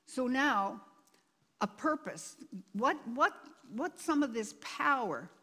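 A woman pastor preaches slowly and deliberately, her voice set a little high. She leans on repeated words and reads scripture aloud, and a long reverb trails each phrase through the church hall. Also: sing-song, pushed and bright. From Canada. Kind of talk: sermon. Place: church sanctuary.

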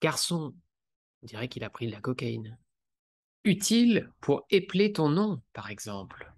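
A man teaching French pronunciation, articulating each sound slowly and deliberately while reading word lists. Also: medium pitch, very animated, darkish tone, dry recording.

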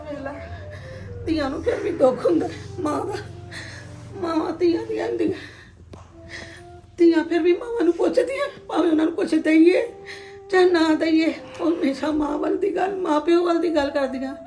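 A woman's voice: high-pitched, a little fast, a little mellow, lightly acted. A woman playing an elderly mother in a family drama, lamenting sorrowfully that her sons have neglected her. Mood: tearful. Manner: lamenting, sorrowful, breaks into tears. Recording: echoey room, mic far off, music behind.

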